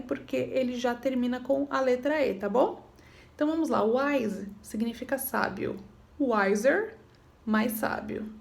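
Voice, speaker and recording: A woman's voice: fairly high pitch, creaky, a little mellow. A woman teaching an English grammar lesson, patiently explaining rules and checking in with her students. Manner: patient, repeats points, checks in with "tá bom?".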